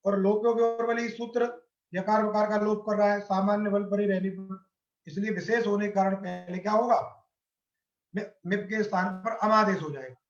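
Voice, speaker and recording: A man's voice: sits high, fairly even intonation, moderate pace. A man teaching a grammar lesson step by step, asking his class questions and answering them himself. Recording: roomy, dull lo-fi sound.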